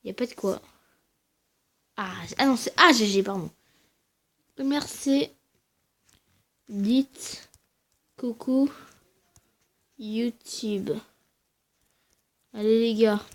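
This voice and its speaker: A woman giving casual, slangy commentary over her own gameplay, talking quietly and then shouting at big wins and losses. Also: a little high, extremely slow, long pauses. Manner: speaks quietly between outbursts. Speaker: gaming channel host.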